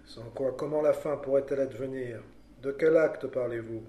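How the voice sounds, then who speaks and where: A man's voice: mid-range voice, moderate pace, mellow, highs cut off, lightly acted. A man playing a world-weary oracle in an audio drama, speaking cryptic pronouncements in a solemn, prophetic manner. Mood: solemn, fatalistic. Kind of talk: French audio drama acting. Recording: echoey room, faint background noise.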